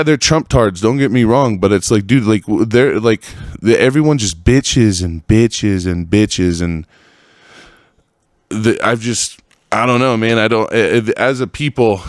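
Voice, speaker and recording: A man from California's Bay Area hosts his own podcast, delivering a solo rant full of heavy profanity and exasperation. His voice is lowish, and the clean studio sound has no echo.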